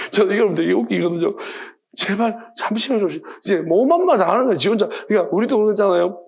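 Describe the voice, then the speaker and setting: A male pastor gives a lively, chatty midweek sermon and laughs easily. His voice sits high for a man. It has a gravelly edge throughout. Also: fast. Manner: animated, conversational, laughs often.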